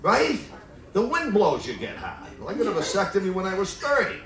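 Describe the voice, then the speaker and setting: Stand-up comic, middle-aged man, high bouncy voice, deadpan one-liners, roomy club sound from back of the room. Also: a little fast, far from the mic, crowd noise. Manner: deadpan one-liners, laughs at own jokes. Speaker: stand-up comedian. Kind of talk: stand-up comedy set. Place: comedy club stage with live audience. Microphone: stand mic away from mouth.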